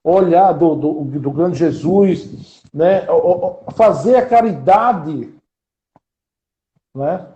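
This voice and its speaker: A man's voice: on the high side, expressive, extremely slow, long pauses, mellow, roomy sound, dull audio. A man, hosting a live-streamed interview and asking earnest rhetorical questions. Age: 40s. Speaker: interviewer and podcast host.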